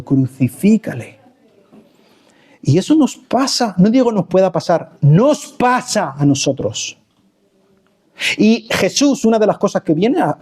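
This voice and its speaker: A middle-aged pastor from Spain, preaching a sermon and acting out quoted pleas with sudden jumps in pitch. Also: male voice, warm tone.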